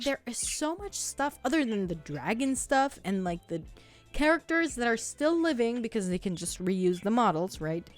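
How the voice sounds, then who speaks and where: A woman ranting in casual chat, heated and sweary, with lots of fillers and restarts. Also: medium pitch. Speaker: streamer.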